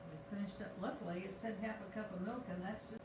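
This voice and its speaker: A woman with a dry, teasing way of talking works at the stove during a casual cooking stream. She sounds set back from the mic in a roomy kitchen, with clear background noise around her. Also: medium pitch, steady tone, fast talker, far from the mic. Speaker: cooking show co-host, filming.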